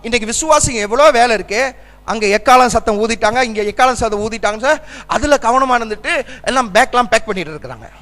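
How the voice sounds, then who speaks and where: A male pastor delivers a fervent sermon, pushing his congregation to answer with amens. His voice sits very high and rings bright and forceful. The church's long reverb trails after every phrase. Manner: fervent preaching, keeps calling for amens.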